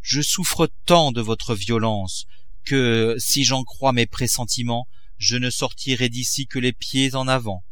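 A man voicing an ailing older mother who pleads slowly and wearily. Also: mid-range voice, a bit bright, lightly acted. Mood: pleading. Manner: slow, imploring, weary.

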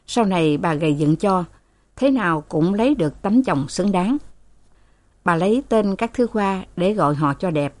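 A woman's voice: lowish voice, moderate pace, dry recording. Woman narrating a story. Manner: steady storytelling, voicing several characters.

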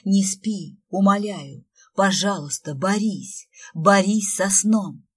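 A woman's voice: sits low, animated, measured pace, slightly rough, recorded from a distance, exaggerated voice. Brief: strong male vampire, woman reader, commanding and insistent, audiobook. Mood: urgent. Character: powerful male vampire, urgent and protective.

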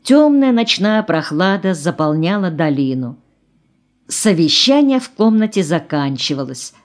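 Slow, calm woman reading an audiobook. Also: fairly low pitch. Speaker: audiobook narrator. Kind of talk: scripted narration.

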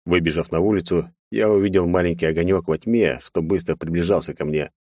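A male narrator reads a first-person action story in a deep, low voice. His asides come out terse and sardonic. The recording is dry and close to the mic. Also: fairly even intonation, brisk, dark tone, no room sound. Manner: sardonic, terse inner commentary. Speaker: audiobook narrator.

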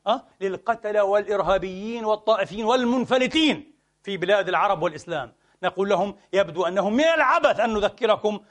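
A man delivering a Friday sermon, putting rhetorical questions to his congregation and moving between quick asides and slow, emphatic lines. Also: high voice. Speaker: preacher.

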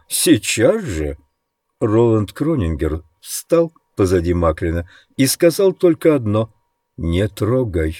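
A man reading a dark novel aloud as a measured, grave audiobook narrator. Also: on the low side, no room sound, clean studio sound. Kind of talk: scripted dramatic narration.

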